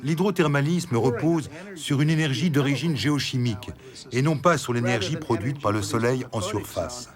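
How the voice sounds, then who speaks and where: A man's voice: mid-range voice, moderate pace. A man explaining science as an interview voice-over in a nature documentary. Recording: music behind the voice.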